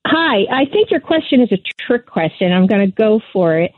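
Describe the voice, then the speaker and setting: A woman's voice: mid-range voice, very animated, normal speed, no echo. A woman from New Jersey calling in to a radio show over the phone, talking hesitantly with many ums and uhs. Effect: calling in over a phone line. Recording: dry tinny phone line.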